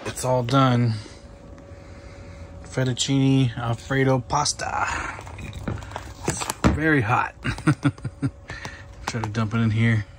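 A man vlogging casually while camping on an enclosed pontoon boat, chatty and relaxed, with plenty of filler words. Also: medium pitch, drawn-out words, pauses often, heavy background noise. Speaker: outdoor vlogger. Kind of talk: casual camping vlog talk.

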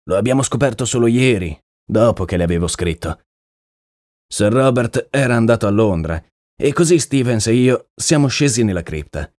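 A man's voice: mid-range voice, lively intonation, moderate pace, a little mellow, no room sound, studio quality, close to an everyday voice. A man voicing an earnest, uneasy male horse trainer in an audiobook, talking plainly and deferentially. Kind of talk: audiobook character reading.

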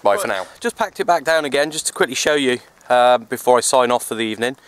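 Speaking fast and animated, a man with a mid-range, fairly bright, clear and resonant voice rambles casually in his radio hobby vlog. He holds the camera at arm's length while standing in windy open parkland, so the audio is noisy.

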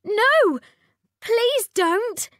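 A woman voicing a spoiled young princess from a storybook, with a high, petulant, demanding voice, read slowly. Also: animated, fairly bright tone, no echo, clean studio sound, exaggerated voice.

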